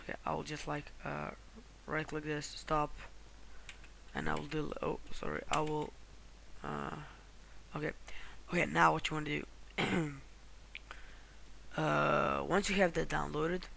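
A man's voice: a little high, flat delivery, a little slow, creaky, pushed and bright, a little hiss or hum. A man from Croatia, talking through a screen-recorded how-to walkthrough in a rambling way, often correcting himself and apologizing. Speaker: tutorial host.

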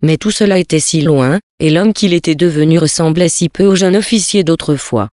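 A reader narrating a literary tale with measured, expressive phrasing. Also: mid-range voice, no echo, studio quality.

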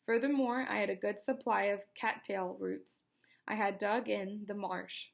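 Gravelly woman reading a novel aloud. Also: medium pitch. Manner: steady, unhurried storytelling with asides. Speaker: reader.

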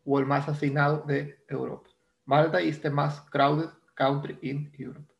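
Male English teacher with a Mexican Spanish accent, fairly high and gravelly, walking students through a lesson patiently and repeating key terms. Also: flat delivery, a little slow, highs cut off. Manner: explains step by step, repeats terms, asks "¿no?". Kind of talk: recorded online grammar lesson.

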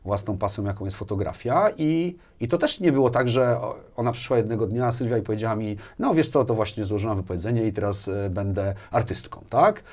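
Wearing a lapel mic in a small, furnished indoor studio, a corporate manager in his forties gives rambling interview answers. His voice is on the low side and darkish, fairly quick with hardly any pauses, and he keeps repeating words and adding little tag questions.

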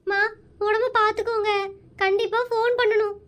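A woman acting in a comedy sketch, giving weepy, drawn-out farewells. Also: very high-pitched, level tone.

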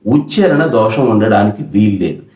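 A man's voice: on the low side, lively intonation, moderate pace, a little mellow. A middle-aged man from Andhra Pradesh teaching pronunciation for singing, explaining patiently and singing short example phrases. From Andhra Pradesh, India. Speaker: music teacher. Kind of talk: pronunciation lesson with sung examples. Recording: roomy echo.

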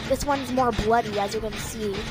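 A woman's voice: a little high, steady tone, normal speed, loud music behind the voice. A young woman with the hiccups giving chatty, self-deprecating commentary while playing a game. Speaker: gamer. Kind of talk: casual gameplay commentary. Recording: loud background noise.

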